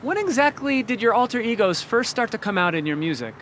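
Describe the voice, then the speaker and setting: High, lively male interviewer. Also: a little hiss or hum. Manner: upbeat, quick rapid-fire questions. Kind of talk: casual interview questions.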